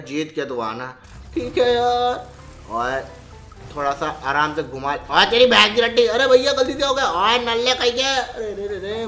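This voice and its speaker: A man doing excited gameplay commentary, switching between playful cartoon character voices. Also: on the high side. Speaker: gaming YouTuber.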